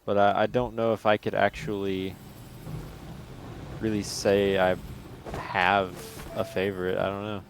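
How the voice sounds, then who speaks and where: A man's voice: on the low side, level tone, a little slow, creaky, long pauses, a little hiss or hum. A man chatting casually while playing a game with a friend, laid-back and a little hesitant. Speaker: co-player. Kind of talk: casual gameplay chat.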